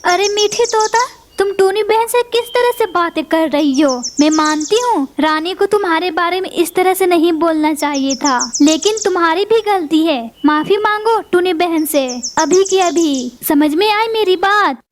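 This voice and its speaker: A high, stern cartoon bulbul who lectures and scolds her friends, played by a woman. Her tone is firm and reproving. Faint hiss underneath. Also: normal speed. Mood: scolding. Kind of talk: cartoon voice acting.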